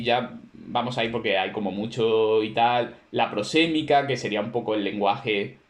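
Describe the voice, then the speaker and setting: A man's voice: on the low side, fairly bright tone, reverberant. A man teaching a class, explaining at length in a conversational way with many fillers and rhetorical questions to his students. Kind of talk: classroom lecture.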